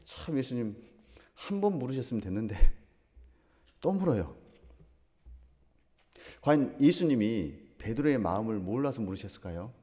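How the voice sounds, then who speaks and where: Man, pastor, sermon, emphatic questioning, mellow voice, echoing church hall. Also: medium pitch, big pitch swings. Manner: asks the congregation questions, slow emphatic phrasing. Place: church sanctuary. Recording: long reverb of a church hall.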